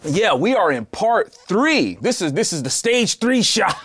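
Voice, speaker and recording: A man's voice: high-pitched, sing-song, measured pace, a bit bright, slightly rough. A man hosting a podcast Bible study, chatting casually and joking, laughing often and using lots of fillers.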